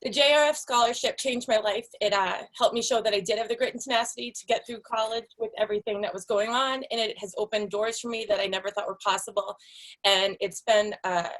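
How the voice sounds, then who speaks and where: A woman's voice: medium pitch, fairly even intonation, brisk, fairly bright tone. A woman graduate giving a short, emotional thank-you speech over a video call, near tears. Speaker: graduating scholar.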